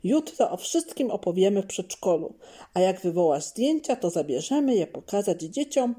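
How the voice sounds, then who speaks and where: A woman's voice: medium pitch, big pitch swings, normal speed, mellow, slightly rough. A woman voicing a curious little boy in a children's storybook, asking questions in a raised childlike voice.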